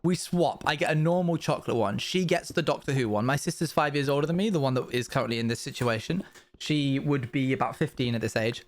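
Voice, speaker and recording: A man's voice: medium pitch, quick pace. A young man streaming live, telling rambling stories to his viewers with self-aware asides. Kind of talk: casual chat with viewers.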